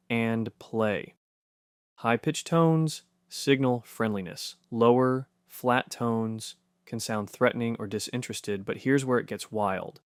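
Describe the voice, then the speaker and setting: A man's voice: mid-range voice, clean tone, no room sound, studio quality. Punchy conversational male explainer narrator. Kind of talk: scripted narration.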